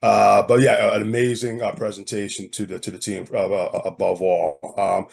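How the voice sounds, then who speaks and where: Gravelly-voiced man with a cold. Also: lowish voice, flat delivery, moderate pace, a little mellow. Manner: hesitant, many fillers. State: hoarse from a cold. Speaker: steering group member. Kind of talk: video call discussion. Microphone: video call, off camera.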